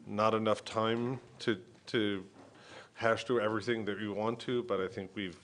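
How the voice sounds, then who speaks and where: A man chairing a meeting, making informal remarks in a halting, hesitant way with pauses. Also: on the low side, level tone, a bit bright.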